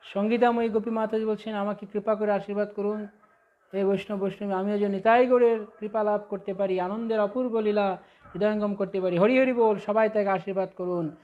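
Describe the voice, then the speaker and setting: A man preaching a devotional sermon online, fervent and rising on ecstatic phrases, slipping into slow melodic chanting of hymn verses. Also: high-pitched, level tone, muffled recording. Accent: Bengali. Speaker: preacher leading an online class.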